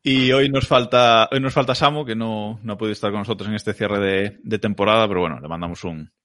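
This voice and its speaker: A man's voice: lowish voice, steady tone, a little fast, a bit bright, no echo, clean studio sound. A man with a Spain Spanish accent hosting a podcast as an informal motorsport commentator, feeling his way through sentences. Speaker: podcast host.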